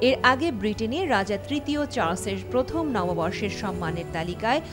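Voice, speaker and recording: Her mid-range voice is animated and a little fast as this woman, who has a Bangladeshi accent, delivers scripted documentary narration. A clear music bed plays behind her.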